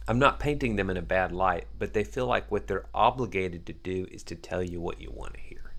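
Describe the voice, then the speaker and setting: A man's voice: sits low, gravelly. A man speaking as a podcast guest, earnest and reflective, building his points through everyday examples in casual conversation.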